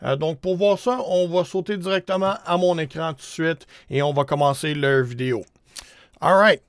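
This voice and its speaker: A Canadian man in his thirties with a Quebec French accent hosts a casual screen-share tutorial on music promotion, hesitant and informal, sprinkling in English words. His voice is fairly high and steady at a moderate pace, with no room sound.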